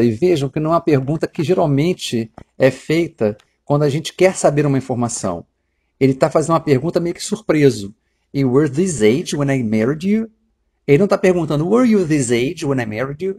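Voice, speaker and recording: Speaking with a Brazilian Portuguese accent, a Brazilian man draws on film clips to teach English grammar, deliberately repeating the phrases at a slow pace. His voice is medium in pitch, somewhat dark in tone, and a little rough.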